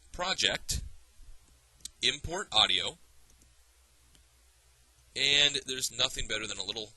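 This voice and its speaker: A man teaching a software tutorial, explaining patiently step by step with small fillers and restarts. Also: medium pitch, breathy edge, dry recording, low-quality recording. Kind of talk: screencast tutorial.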